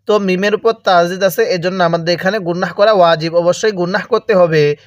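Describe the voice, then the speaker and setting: A man with a Bangladeshi Bengali accent teaching Quran recitation step by step. He explains each rule, asks and answers his own questions, and draws out the Arabic words slowly to demonstrate them. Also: high voice, steady tone, no room sound, highs cut off. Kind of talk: step-by-step spoken lesson with recited examples.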